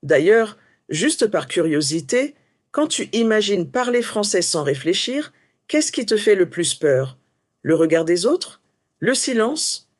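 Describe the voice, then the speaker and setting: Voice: mid-range voice, no room sound, clean studio sound. A French teacher delivering a scripted motivational lesson, coaching the listener with many rhetorical questions.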